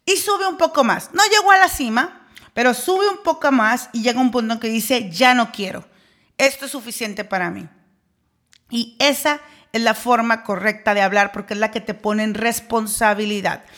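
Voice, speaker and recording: High-voiced woman giving an emphatic motivational talk. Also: moderate pace, a bit bright. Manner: emphatic, rhetorical questions. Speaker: coach.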